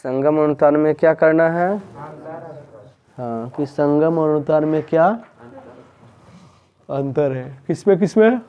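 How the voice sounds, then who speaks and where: Slow-talking teacher drilling students. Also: male voice, a little high, highs cut off, a little hiss or hum. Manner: drills students with repeated questions. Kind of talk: classroom grammar lesson. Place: tuition classroom.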